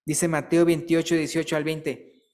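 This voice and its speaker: A male preacher giving a relaxed, conversational sermon, asking the congregation questions and telling light jokes. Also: on the high side, moderate pace. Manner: chatty, asks listeners questions and tells jokes.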